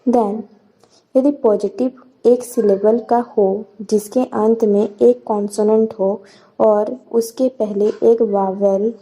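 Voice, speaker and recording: A woman's voice: medium pitch, warm tone, rough recording. A woman with an Indian accent teaching a grammar lesson, spelling out words letter by letter.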